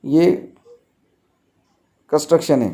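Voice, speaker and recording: A man teaching a grammar lesson, patiently restating the rules and dictating example sentences slowly, word by word. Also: a little high, warm tone.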